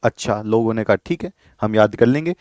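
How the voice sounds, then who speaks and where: A man's voice: on the low side, animated, brisk, a little mellow, no echo. A man teaching a live online chemistry class, explaining patiently, repeating key points and asking his students to reply.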